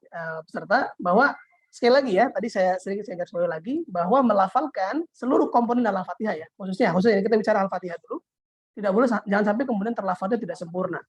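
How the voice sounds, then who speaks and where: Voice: mid-range voice, rapid-fire, slightly rough. A workshop moderator on an online call who echoes and sums up the teacher's points. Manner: echoing and summarizing the teacher's points.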